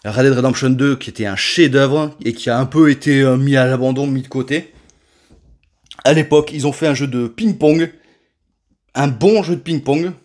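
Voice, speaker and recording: A man's voice: mid-range voice, normal speed, darkish tone. Chatty man showing his game haul. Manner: chatty, many fillers and self-corrections. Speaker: retro game collector, channel host. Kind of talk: casual collection showcase vlog.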